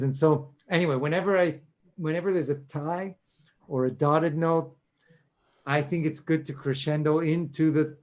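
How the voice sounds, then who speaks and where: A man's voice: fairly high pitch, a little mellow. A man coaching a violin student in an online masterclass, chatty and encouraging, often interrupting himself and apologizing. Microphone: video call.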